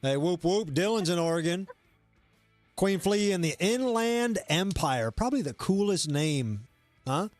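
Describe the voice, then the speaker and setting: Guy hosting a live stream, kinda high voice, dry close mic, faint music behind. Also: lively intonation, dry recording. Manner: playful, drawn-out hype calls. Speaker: show host. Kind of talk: casual live-stream chat.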